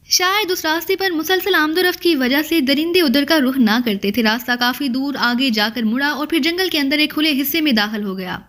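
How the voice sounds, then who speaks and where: A woman narrating a spy thriller novel as an audiobook, in a steady, expressive storytelling manner. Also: high voice.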